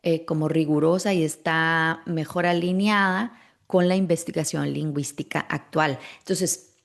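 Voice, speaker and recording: Brief: woman podcast host, low and a bit gravelly, chatty advice monologue full of ums and ehs. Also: steady tone, unhurried. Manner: conversational, explanatory, with frequent hesitation fillers. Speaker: podcast host and multilingual parenting consultant.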